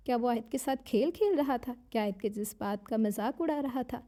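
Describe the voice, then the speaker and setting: A woman with a sore, hoarse throat, chatting casually as a channel host while reading viewer comments, slipping English phrases into her speech. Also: fairly high pitch, moderate pace, mellow. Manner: talks while eating. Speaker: novel narrator and channel host.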